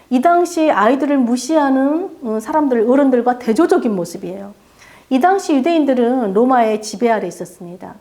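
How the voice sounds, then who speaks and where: A woman's voice: fairly high pitch, mellow. A woman pastor preaching a sermon in a church, asking the congregation questions and acting out quoted voices. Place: church sanctuary.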